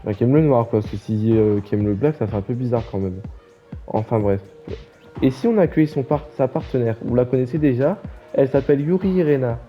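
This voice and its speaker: A man's voice: mid-range voice, a little fast, lo-fi sound, soft background music. A man commentating a wrestling game casually, rambling and joking with many fillers.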